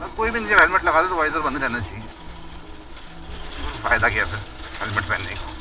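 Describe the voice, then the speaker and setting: A man speaking from inside a motorcycle helmet while out on his bike, talking in a relaxed way and thinking aloud, picked up by an action camera in a waterproof case outside the helmet. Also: mid-range voice, brisk, background noise. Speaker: motorcycle vlogger. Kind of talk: casual talk while riding. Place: outdoors on a motorbike by a road with trucks.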